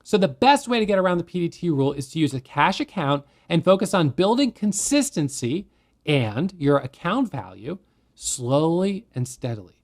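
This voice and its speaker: Man, fairly high voice, trading educator, conversational explainer, rhetorical questions. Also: very animated, normal speed. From United States. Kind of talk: explanatory talk to camera.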